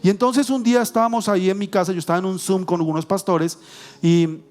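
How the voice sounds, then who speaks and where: High-voiced pastor telling stories. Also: male voice, fast talker, soft background music. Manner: animated, humorous storytelling with self-corrections and jokes. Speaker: guest pastor. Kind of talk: sermon with personal storytelling. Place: church.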